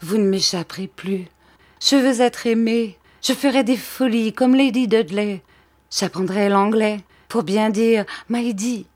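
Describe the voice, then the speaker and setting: A feverish dying noblewoman in a storybook reading, voiced by a woman. She pleads in a high, breathless, childlike voice, clinging to life. The lines come slow and fragile. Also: darkish tone, no echo. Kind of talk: audiobook character voice.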